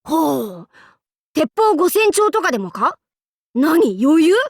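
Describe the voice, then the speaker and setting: Here the same demon-king role comes through high-pitched, slow, and darkish in tone, heavily acted and very animated. She gives the bold, androgynous young warlord boastful, archaic lordly lines with playful swagger, proud and resolute. The studio sound is clean, without echo.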